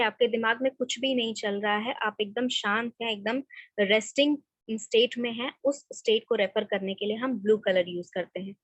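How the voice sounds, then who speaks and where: A woman's voice: on the high side, no echo, dull audio. A woman college lecturer teaching an online class, mixing in English and often checking "theek hai". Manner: explains in Hindi mixed with English, often adds "theek hai". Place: home or office desk, online class. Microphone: computer mic, screen share.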